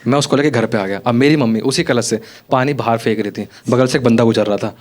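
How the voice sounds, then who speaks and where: A man's voice: mid-range voice, fast. A young man performing a stand-up comedy set on stage, telling stories in a conversational way and acting out the dialogue. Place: comedy theatre stage with live audience. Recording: live venue with loud audience noise. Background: audience laughter.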